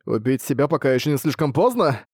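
A man's voice: mid-range voice, very animated, fast talker, darkish tone, breathy edge, no room sound, clean studio sound. A man voicing a wary young adventurer hero in an audiobook, wry and muttering his thoughts. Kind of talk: audiobook reading.

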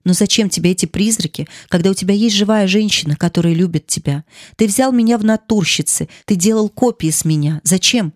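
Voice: medium pitch, brisk, no echo, studio quality, natural voice. A narrator voicing a passionate young woman pleading with her lover in an audiobook. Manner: pleading, impassioned. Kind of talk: audiobook character reading.

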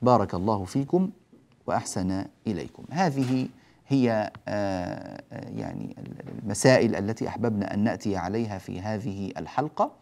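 A man teaching a lesson on Quranic recitation rules, explaining to students and pausing to recite examples slowly. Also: fairly low pitch, a little mellow. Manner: slow demonstrative recitation of examples; explanatory, addresses students directly. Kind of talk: religious lesson on tajweed.

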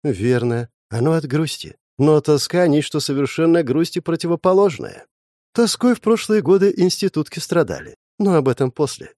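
A man reading a storybook, voicing a patient older investigator who lectures in a measured way. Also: fairly high pitch, animated, warm tone, dry recording, studio quality, pitched above the performer's own voice, lightly acted. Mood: lecturing.

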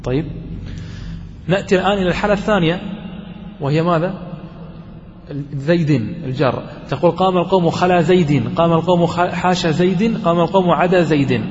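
A man teaching an Arabic grammar lesson to a class. He keeps checking that the students follow with quick questions, and he repeats his examples slowly. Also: on the high side, a little mellow, slight background noise. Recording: dull lo-fi recording in a hall with long reverb.

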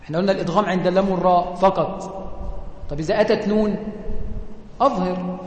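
A man with an Egyptian accent teaching Quran recitation rules. He poses questions to the class and answers them himself, and draws out the recited examples slowly. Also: high voice, steady tone, echoey room, in a large hall. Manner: slows to a drawn-out chant for recited examples. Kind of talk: tajweed lesson.

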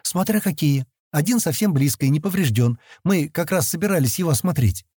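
A man voicing a gentle, curious young woman with a soft, lilting, naive manner in an audiobook reading. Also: fairly high pitch, expressive, brisk, breathy edge, no echo, clean studio sound, pitched above the performer's own voice.

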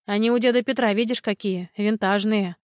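A woman reading a book aloud, voicing a calm, gruff village man who talks curtly and mocks a little. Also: mid-range voice, a little fast, no room sound, natural voice. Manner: curt, dry, mildly mocking.

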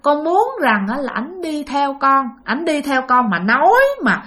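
A woman with a Southern Vietnamese accent voicing the ghost of an unborn child, speaking haltingly and pleading. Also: sits high, lively intonation, sharp tone, pitched above the performer's own voice, full character voice. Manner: halting, faltering speech.

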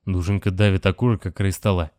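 A man reading a novel aloud as narrator, steady and measured. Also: deep voice, no echo, clean studio sound. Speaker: audiobook narrator. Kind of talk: scripted narration.

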